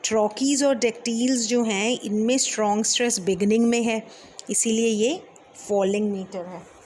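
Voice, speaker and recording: A woman's voice: a little high, steady tone, a little mellow, slight background noise. Woman teacher explaining poetry terms. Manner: explains step by step, mixing English terms, frequent fillers; reads verse lines slowly. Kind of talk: Hindi lecture on English poetry.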